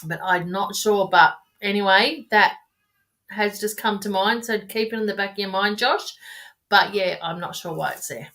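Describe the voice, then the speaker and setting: A woman reading tarot cards for viewers on a live stream. She talks in a warm, rambling, chatty way, often stopping to restart a sentence. Her voice sits in a middle pitch for a woman. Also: moderate pace. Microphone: webcam or phone mic on a live stream.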